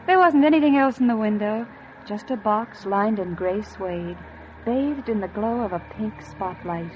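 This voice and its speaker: In a 1940s radio drama, an actress plays a wistful, embittered housewife longing for a single luxury, performing monologue and dialogue with intense melodrama and repeated phrases for emphasis. Her mid-range voice is a little slow and only lightly acted, with a rapt mood, heard through a muffled old recording with music and background noise.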